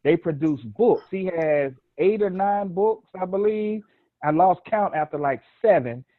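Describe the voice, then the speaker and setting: Over a video call, a Southern American man runs a live online talk show, talkative, meandering, and quick to laugh. He has a high, expressive voice and takes his time; the sound is echo-free, dry, and tinny, much like a phone line.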